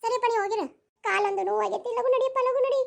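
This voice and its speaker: A woman voicing a fretful, sharp-tongued but loving old grandmother with a North Karnataka accent in a cartoon. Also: extremely high pitch, very fast, vocal fry. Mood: lamenting. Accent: North Karnataka Kannada. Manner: lamenting, scolding.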